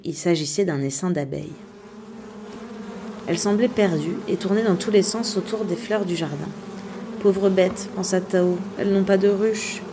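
A woman reading a bedtime tale aloud in a calm, measured storytelling manner. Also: fairly low pitch, vocal fry, slight background noise.

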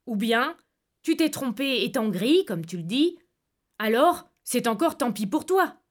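A woman reading aloud voices a stern, angry older uncle who scolds and lectures gravely. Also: fairly high pitch, sing-song, unhurried.

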